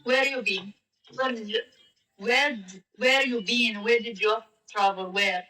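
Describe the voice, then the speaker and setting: A woman's voice: on the high side, fairly even intonation, measured pace, bright, forceful tone, far from the mic. A woman chatting casually on a live-stream app, speaking in a playful, teasing manner. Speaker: language exchange chat partner. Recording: echoey and off-mic.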